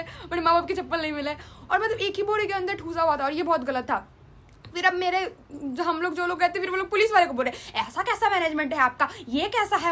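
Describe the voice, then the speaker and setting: High-voiced chatty young woman vlogger. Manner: chatty, animated storytelling with Hindi-English mixing. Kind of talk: casual storytime vlog.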